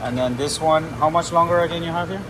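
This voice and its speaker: Cooking in a home kitchen, this chatty vlogger of Trinidadian and Venezuelan heritage talks straight to his audience. He speaks fast in a slightly high voice, and the sound is echoey with noise behind him.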